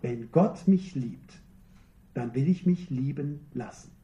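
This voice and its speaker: A man preaching a sermon, earnest and emphatic, slowing down to repeat key phrases. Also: mid-range voice, animated, roomy sound, muffled recording.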